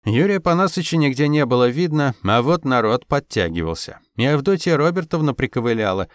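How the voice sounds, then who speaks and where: A man narrating an audiobook in the first person with a wry, ironic touch. His voice sits in a middle pitch, and the recording is dry and close with no room sound. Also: dry recording. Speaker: audiobook reader.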